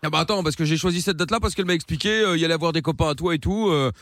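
A man's voice: fairly high pitch, rapid-fire, fairly bright tone, no echo. A man playing a brash, overfamiliar southern boyfriend with a southern French accent in a radio prank call. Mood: cocky. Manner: overfamiliar, teasing, keeps saying "beauf". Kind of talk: prank call role-play.

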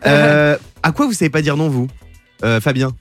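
A man hosting a morning radio show, telling a story in a lively, joking way. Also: a little high, moderate pace, soft background music. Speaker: radio host.

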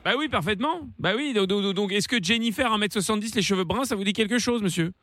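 A pompous, indignant jealous husband, as a man puts him on, hammers his accusations in a high, rapid voice. He keeps it stiff and formal, tacking a cold "sir" onto every line. The studio sound is dry and close. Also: a bit bright, no room sound. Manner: insistent, indignant, ends every sentence with "monsieur". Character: jealous, pompous man accusing a stranger, imaginary prank persona. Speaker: prank caller. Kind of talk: radio prank call. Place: radio studio.

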